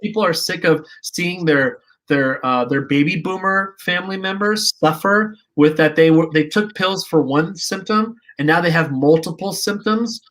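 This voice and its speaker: A man's voice: fairly high pitch, normal speed, hardly any pauses, a bit bright. A man being interviewed as a guest, speaking passionately and emphatically, with a preachy edge. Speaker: guest, energy healing practitioner. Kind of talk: casual interview.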